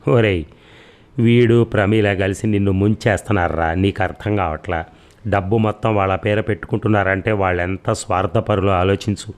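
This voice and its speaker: Old worried mother, scolding, read by a man in a deep voice. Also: steady tone, normal speed. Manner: pleading, scolding. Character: elderly mother, scolding and fearful.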